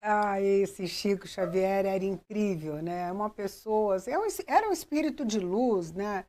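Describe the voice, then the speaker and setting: A woman's voice: medium pitch, expressive, moderate pace, mellow. A woman hosting a talk show interview, prompting her guest. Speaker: host.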